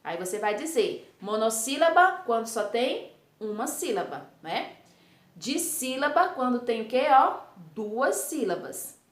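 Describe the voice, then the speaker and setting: A woman teacher talks patiently through a recorded class, checking in with her young pupils after almost every step. Her voice sits a little high. The room around her rings with a noticeable echo. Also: big pitch swings, a little slow. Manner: patient, explanatory, checks in with tag questions. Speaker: primary school teacher. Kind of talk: recorded remote class lesson. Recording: echoey room.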